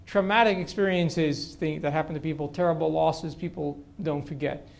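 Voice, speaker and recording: Gravelly older male professor lecturing. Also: fairly high pitch, fairly even intonation, moderate pace. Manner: answering audience questions at length, with restarts. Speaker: political science professor. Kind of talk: university lecture Q&A. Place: lecture hall.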